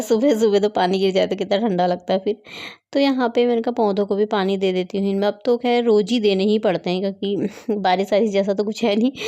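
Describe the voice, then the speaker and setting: A woman in her thirties talks through her morning chores in a loose, rambling home vlog. Her voice is soft and mellow, neither high nor low, and she breaks into easy laughs. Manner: chatty, rambling, laughs often. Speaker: vlogger. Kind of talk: casual home vlog narration. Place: home, rooms and rooftop.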